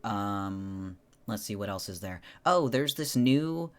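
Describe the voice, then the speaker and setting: A man with a fairly low voice, chatting as a streamer on a casual livestream. His delivery is informal and rambling, with loose, conversational phrasing. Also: expressive, takes it slowly, clear, resonant tone. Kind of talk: casual solo livestream chat.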